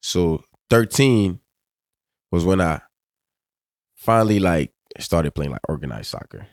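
With a low voice, lively intonation and an unhurried pace, a young West African-accented man talks as a podcast guest; he's a pro soccer player. Relaxed and slangy, he keeps dropping "bro" and "you know what I'm saying," recorded cleanly in a studio with no room sound.

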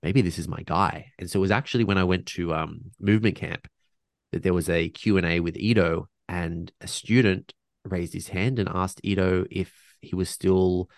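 A man's voice: low-pitched, steady tone, moderate pace, creaky, dry recording, clean studio sound. A man speaking as a podcast guest in casual conversation, reflective and earnest, restarting sentences often and sprinkling in slang.

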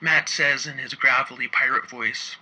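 A man telling a wry first-person story about his work as an inspector, moving between quick asides and slow, emphatic phrasing. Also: medium pitch, steady tone, bright, forceful tone, slightly rough, rough recording.

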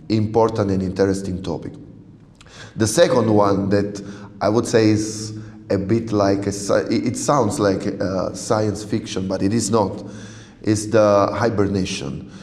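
A fairly low, steady voice with a darkish tone belongs to a radiobiologist guest from southern Italy, a native Italian speaker using English in an interview. He paces himself evenly but falters, using lots of fillers and restarts; the room is reverberant with a long reverb tail.

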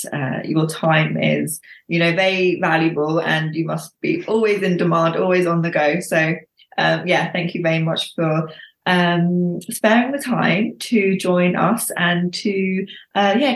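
A woman's voice: lowish voice, echoey room. A young woman hosting a podcast interview, speaking with many fillers and hesitations. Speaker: podcast host.

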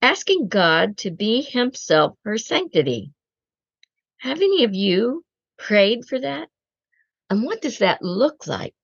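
A woman gives a slow, reflective spiritual talk as a Secular Carmelite speaker, deliberately quoting prayers and reflecting on them. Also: on the low side, vocal fry, husky, no echo, highs cut off.

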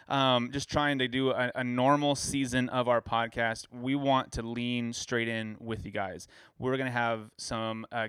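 A man from California hosts a podcast with eager enthusiasm, rambling and dropping fillers along the way. His voice is mid-pitched, smooth and clear. The sound is dry and close to the mic. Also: fairly bright tone, no room sound. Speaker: podcast host. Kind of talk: casual podcast chat.

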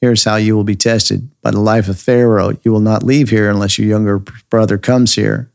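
A man's voice: lowish voice, little pitch movement, moderate pace, gravelly, clean tone, dry recording, clean studio sound. Joseph, a stern governor, read by a man.

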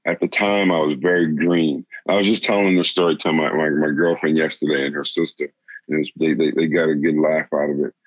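A man from the area, telling a story in casual conversation, halting with many restarts and laughing now and then. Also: a bass voice, steady tone, no echo. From Boston area, Massachusetts. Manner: laughs while telling stories. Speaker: interviewee. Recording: dull lo-fi sound.

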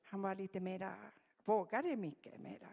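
A woman's voice: mid-range voice, creaky, a little mellow. A woman with a delivering an earnest sermon and reading scripture, often saying amen. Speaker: preacher. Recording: echoey hall with long reverb.

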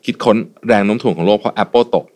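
A man with a low voice hosts a podcast. He reads through an interview and comments on it at a quick clip. His delivery is brisk and explanatory, peppered with polite particles. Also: darkish tone. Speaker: podcast host.

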